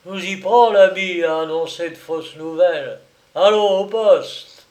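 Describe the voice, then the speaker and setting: A man voicing a big, irascible gentleman who blusters and bullies. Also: high-pitched, measured pace, roomy sound, distant mic, pitched above the performer's own voice. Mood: accusing. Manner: blustering, bullying. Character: big burly irascible gentleman, brutal and triumphant.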